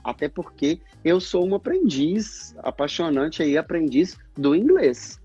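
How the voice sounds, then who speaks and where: A man's voice: a little high, sing-song, unhurried, warm tone, slightly rough, dull audio, soft background music. A Brazilian man, a speech therapist, explaining in a livestream interview and acting out past conversations, with a Brazilian Portuguese accent. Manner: earnest, explanatory, acts out past dialogues.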